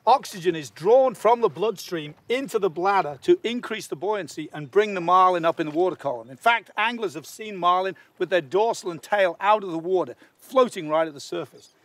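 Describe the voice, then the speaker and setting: A man's voice: high-pitched, a little fast, few pauses, fairly bright tone, no echo. An older man presenting a nature documentary outdoors, explaining things to camera. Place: outdoors on grass by the sea.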